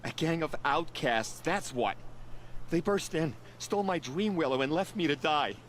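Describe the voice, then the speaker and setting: A fretful village herb gatherer. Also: male voice, a little high, lively intonation, normal speed, fairly bright tone. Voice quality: grumbling, fretful. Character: frightened middle-aged male village herb gatherer. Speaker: game character. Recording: game audio with faint background noise.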